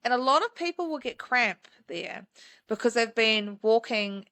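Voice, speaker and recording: A woman talks as a guest on a podcast, enthusiastic and chatty, full of "um"s. Her voice is bright and clear, and the sound is dry and close. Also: on the high side, animated, measured pace, no echo. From New Zealand. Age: 30s. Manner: enthusiastic, chatty, many fillers. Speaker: mountain guide, podcast guest. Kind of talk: casual interview chat.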